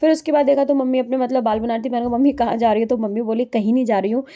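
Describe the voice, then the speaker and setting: A woman's voice: fairly high pitch, fairly even intonation, very fast, mellow. A young woman vlogger, narrating her day in a chatty, rambling way with many fillers. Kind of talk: daily life vlog voice-over narration.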